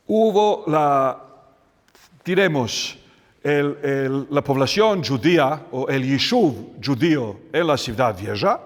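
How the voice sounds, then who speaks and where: A man's voice: on the high side, no room sound. A man with a Bosnian accent leading a guided tour as a folklorist, telling stories unhurriedly with many restarts. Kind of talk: guided walking tour talk.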